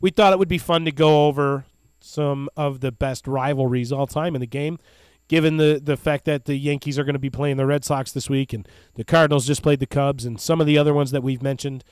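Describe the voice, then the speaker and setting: A man in his 30s co-hosts a casual baseball podcast, enthusiastically hyping local beer and bands like a hype man. His mid-range voice is steady, fairly quick and a little mellow, with a clean sound and no room echo.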